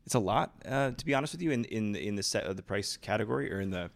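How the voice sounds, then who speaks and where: A man's voice: fairly low pitch, animated, fast talker, gravelly. Hesitant man chatting on a podcast. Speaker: podcast panelist. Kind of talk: panel podcast chat.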